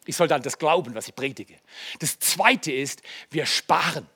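Bright, high-voiced male pastor preaching. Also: moderate pace, breathy edge. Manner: conversational, animated preaching with asides and questions to the congregation. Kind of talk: sermon.

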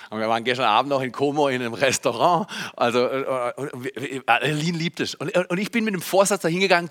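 A pastor preaching a sermon to his congregation, animated and speaking to them directly, with loud emphatic bursts and quiet asides. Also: mid-range voice. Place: church service.

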